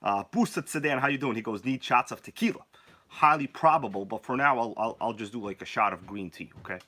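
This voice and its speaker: His voice roughened by a cold, a sick man runs a laid-back live stream, joking and calling out viewers by name. He speaks a little fast in a medium pitch, with a bright, forceful tone.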